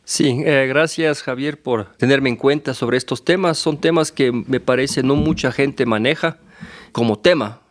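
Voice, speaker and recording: A man, a guest author answering interview questions in a relaxed, rambling way with asides. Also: mid-range voice, no room sound. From Ecuador.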